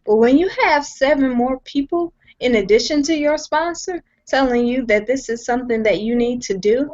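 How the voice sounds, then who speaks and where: This young woman's voice is high and a little mellow, at a moderate pace, as she gives personal testimony from home over a video call. As a guest telling her story, she speaks earnestly and emphatically, with frequent repetition and restarted sentences. The audio is dull and lo-fi.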